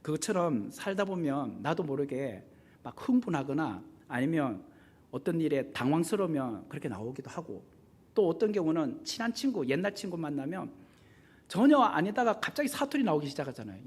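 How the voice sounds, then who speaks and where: A man preaching a sermon as pastor in a church, animated and conversational, acting out the voices he quotes and asking the congregation questions. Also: on the high side, slightly rough. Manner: animated, acts out quoted voices with big swings in loudness. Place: church sanctuary.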